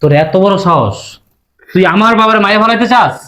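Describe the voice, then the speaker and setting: A man's voice: sits high, animated, fast, fairly bright tone. A man playing a furious young husband. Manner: agitated, accusing. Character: young husband enraged on learning of abuse. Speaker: actor playing an angry husband. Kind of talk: melodramatic short-film acting.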